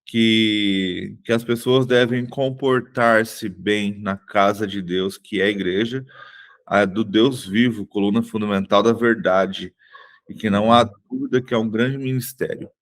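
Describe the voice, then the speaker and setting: Guy leading bible reading, deep-ish voice, calm and explaining, on a video call. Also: unhurried. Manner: calm, explanatory, frequent tag questions. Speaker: Bible reading group leader. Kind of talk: reflective Bible commentary.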